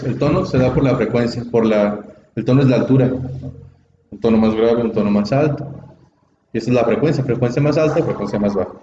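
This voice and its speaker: A man's voice: mid-range voice, mellow. A man teaching a class on speaking in public, explaining step by step and often checking that his students follow. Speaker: workshop instructor. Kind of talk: classroom lecture. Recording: echoey room, dull audio, background noise.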